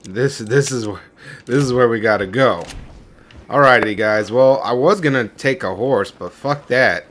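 A man's voice: mid-range voice, a little slow, a bit bright, a little hiss or hum. A young man hosting a let's-play video, chatting casually with rambling, profane commentary. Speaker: gaming channel host.

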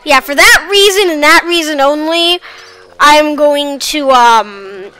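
A woman's voice: high-pitched, slow pace, pushed and bright, soft background music, rough recording. A woman hosting a casual let's-play, chatting in a rambling, self-deprecating way as she plays. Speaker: gaming channel host.

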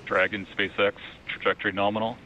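Male flight controller on a crackly space mission radio, terse clipped calls, quick and bright-edged. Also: on the low side, little pitch movement. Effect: crackly space mission radio loop. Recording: dull lo-fi radio feed with faint hiss.

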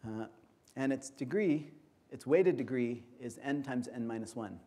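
Mellow-voiced man lecturing in an auditorium. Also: medium pitch. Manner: measured, explains step by step. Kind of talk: academic conference lecture.

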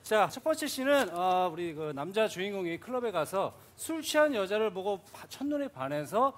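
Excitable high-voiced drama director. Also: male voice, normal speed. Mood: brisk, commanding. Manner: commanding, enthusiastic, repeats himself. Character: brisk, excitable male drama director running auditions. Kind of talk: live stage comedy sketch. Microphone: headset. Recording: noisy live theatre stage, clicks.

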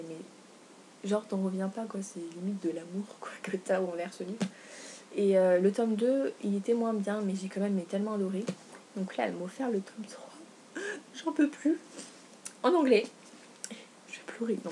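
A young woman chatting casually in a book haul vlog, gushing and excitable, full of fillers and self-corrections. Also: medium pitch. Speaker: book vlogger. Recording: faint background noise.

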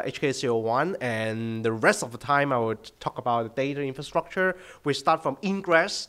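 A middle-aged man with a thick Hong Kong accent, giving a conference presentation in an informal, halting way. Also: medium pitch, a bit bright, clear, resonant tone. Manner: informal, halting, frequent hesitations. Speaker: conference speaker, data director. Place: conference stage indoors, at a lectern.

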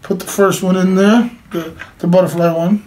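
A middle-aged man with a high, darkish voice speaks to camera casually and plainly while demonstrating something by hand indoors. His tone is steady and his pace moderate. He is in a small cloth-backdropped room, and the home recording is clearly noisy.

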